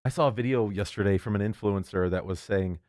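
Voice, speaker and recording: A man's voice: fairly low pitch, fast, a little mellow, no room sound, studio quality. A man reading an article aloud and breaking off into heated, indignant commentary, often stumbling and restarting. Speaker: political commentator.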